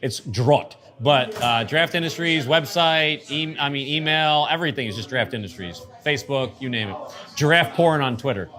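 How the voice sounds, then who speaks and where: A man's voice: mid-range voice, normal speed, sharp tone. Profane, joking male bar owner. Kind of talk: casual chat over beers.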